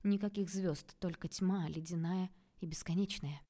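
Calm woman narrator, low and dark-toned, reads prose evenly. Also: moderate pace. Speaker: audiobook narrator. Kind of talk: scripted narration.

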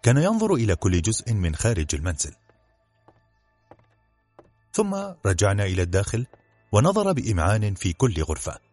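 A man narrating a storybook in an expressive, measured reading. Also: fairly low pitch, breathy edge, dry recording, soft background music. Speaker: audiobook narrator.

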